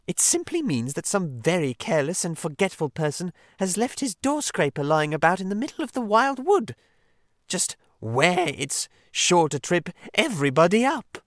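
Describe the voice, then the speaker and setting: A man's voice: high-pitched, very animated, moderate pace, a bit bright, no echo, clean studio sound, voice pushed up. A man voicing a fussy, pettish male mole who is stubborn and literal-minded, speaking in a prim, indignant way.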